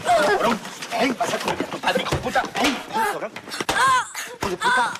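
A man's voice: medium pitch, animated, fast talker, heavy background noise, natural voice. An actor playing a violent, abusive middle-aged father in a film drama, menacing one moment and screaming in rage the next.

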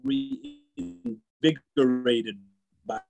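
A man speaking over a video call from home, his audio breaking up and dropping out as he talks in a halting way with many fillers and restarts. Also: medium pitch, wildly swooping pitch, creaky, darkish tone, soft background music. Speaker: district attorney speaking to a political committee. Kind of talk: campaign update speech. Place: at home, indoors. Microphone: phone or laptop on a video call.

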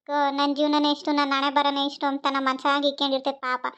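A sarcastic older village mother with a high, level voice, played by a woman. She grumbles in a sing-song, wry way but cares deeply. The recording sounds a little dull and lo-fi. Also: completely flat delivery, fairly quick, fairly bright tone. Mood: tender. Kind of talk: amateur family skit.

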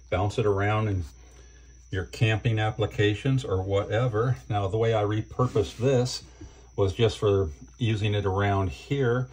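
A man's voice: lowish voice, slight background noise. An older man casually reviewing batteries at an indoor workbench, speaking plainly and filling his talk with fillers. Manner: relaxed, plain-spoken, with fillers. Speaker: channel host reviewing batteries. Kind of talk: casual hands-on product review.

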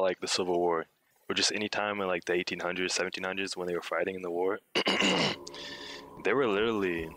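A young man live streaming, chatting casually to his viewers, excitable and slangy, breaking into shouts and laughter. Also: low-pitched, a little hiss or hum. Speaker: livestreamer. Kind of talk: casual live stream chat reacting to clips.

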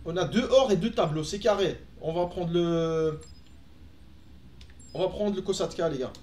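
A young gaming streamer from Antwerp, Belgium, a native Dutch speaker, chats casually with his live audience as he plays, answering chat with plenty of fillers and restarts. His voice is high-pitched, a little mellow, and moderately paced, recorded indoors at home with a roomy sound and slight hiss or hum.

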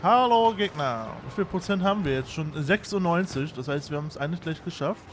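A man giving casual gameplay commentary, excitable and self-mocking, shouting at his own fails. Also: on the high side, fast, noisy background. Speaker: gaming YouTuber. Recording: game sounds behind.

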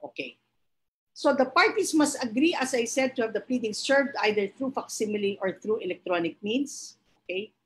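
A woman's voice: a little high, lively intonation, moderate pace, rough recording. A middle-aged woman with a Filipino accent, a law dean giving a lecture, switching between English and Tagalog, reading rules aloud and explaining them with a frequent "okay?". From Philippines. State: a little out of breath.

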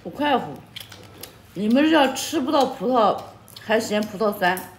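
A woman's voice: on the high side, animated, measured pace. Teasing, chatty woman streaming her meal. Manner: chatty and teasing, often laughing. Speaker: livestream host. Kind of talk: casual chat while eating on a livestream. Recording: echoey room with faint noise and clattering dishes.

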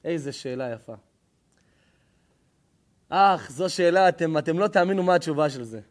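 A man with a fairly high voice preaches a Torah lesson as a storyteller. He quizzes his listeners and answers his own questions. He moves from ringing exclamations to quiet, low asides. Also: animated. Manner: swings between loud exclaiming and hushed low asides; asks the audience questions and answers them himself. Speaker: rabbi giving a Torah lesson. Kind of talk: lively storytelling sermon.

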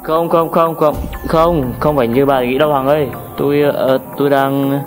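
A man voicing a proud teenage schoolboy who stammers excuses and talks gruffly with friends. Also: medium pitch, level tone, brisk, music in the background, close to an everyday voice. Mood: flustered. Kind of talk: amateur voice acting for a game drama.

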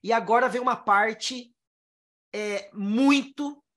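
Her voice a little high and fairly bright, a teacher born in Brazil walks her class through English pronunciation. She sounds out syllables slowly one at a time, explains step by step, and asks rhetorical questions.

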